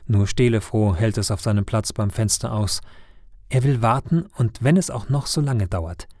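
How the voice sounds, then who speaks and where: A man narrating a children's Christmas story in a gentle storytelling manner. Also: fairly low pitch, normal speed, no echo, studio quality. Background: faint music.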